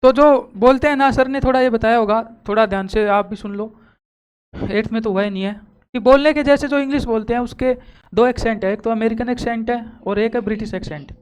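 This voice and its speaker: Woman teacher in a classroom, smooth voice, keeps asking the kids questions and repeating words slow. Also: on the high side, a little mellow. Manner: quizzes the class and repeats key terms slowly. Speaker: school teacher. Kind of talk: classroom lesson. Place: school classroom.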